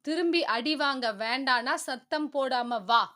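A menacing male kidnapper who speaks in short, threatening orders, voiced by a woman narrator. The voice stays high and bright. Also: a little slow. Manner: curt, threatening.

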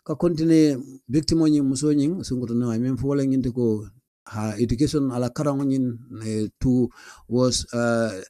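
An older Gambian man with a warm, medium-pitched voice presents the daily news at a small indoor studio desk. He reads newspaper stories aloud, slipping English phrases into his talk, into a close studio mic on a boom arm with no echo.

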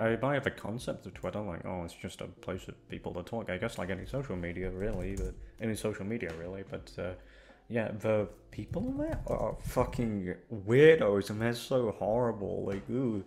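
An audio content creator talks casually to his listeners in a fairly low, gravelly, slightly mellow voice at a moderate pace. He rambles hesitantly, swearing and poking fun at himself.

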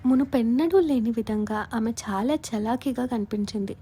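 A woman storyteller reads a story in a steady, measured way. Her voice is husky and deeply mellow, with a fairly high pitch. The whole reading has a scripted audio-story feel. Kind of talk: scripted narration.

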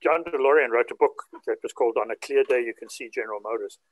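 Husky-voiced man explaining calmly. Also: medium pitch, quick pace, rough recording. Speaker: panel member. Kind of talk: casual chat. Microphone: video call.

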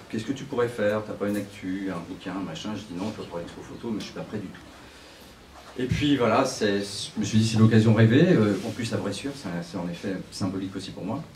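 A man's voice: fairly low pitch, a little fast, noisy background. Middle-aged man, chatty exhibition talk, repeats words; sounds distant in an echoey room, faint murmur. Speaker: photographer presenting his exhibition. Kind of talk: casual speech to an audience. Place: small gallery, indoors. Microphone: handheld mic.

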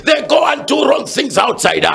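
A man's voice: extremely high pitch, big pitch swings, normal speed, vocal fry, fairly bright tone, shouting, soft background music. A man preaching fervently and praying with callers on a phone-in, with frequent "uh" fillers. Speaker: pastor. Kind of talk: shouted sermon and prayer phone-in.

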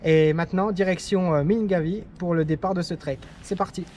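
A man's voice: high voice, fairly even intonation, fairly quick. A man in his thirties from France, narrating a hiking vlog in a chatty way with frequent hesitations. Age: 30s. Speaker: trek vlogger and filmmaker.

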